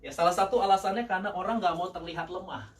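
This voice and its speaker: A male pastor preaching a lively sermon, mixing English phrases in and laughing often. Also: high-pitched, fast talker, recorded from a distance. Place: church service.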